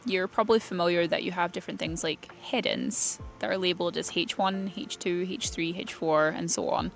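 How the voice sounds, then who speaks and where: This presenter of a writers' website tutorial series has a lowish, steady, creaky voice and talks a little fast over soft background music. Her informal explainer is plain-spoken and instructional.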